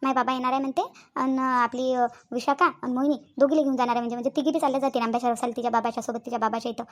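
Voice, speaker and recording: A woman's voice: high voice, flat delivery, rapid-fire, lightly acted. A woman doing a sly meddling aunt. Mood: prying. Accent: Vidarbha Marathi. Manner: prying, sly, egging others on. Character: meddling gossipy aunt who stirs up trouble. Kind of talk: cartoon voice acting.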